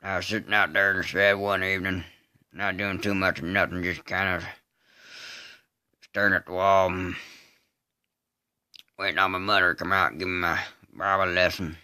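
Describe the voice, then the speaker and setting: Confessing to a killing without a trace of regret, a slow, simple-minded country man from a film drama is brought to life by an amateur voice artist in a dramatic monologue re-enactment. His delivery is flat and matter-of-fact, in a low, resonant, hard-edged Southern US drawl, with halting phrases and grunted hums between them. Studio-quality audio keeps the tone clean with no echo.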